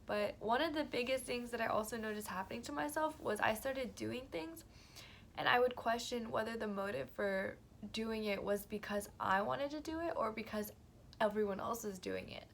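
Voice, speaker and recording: A young woman musing aloud in a reflective vlog, soft-spoken and halting, her words padded with fillers. Her voice carries a steady gravelly fry, with a faint hum of room noise underneath. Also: on the high side. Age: young adult. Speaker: college student vlogger.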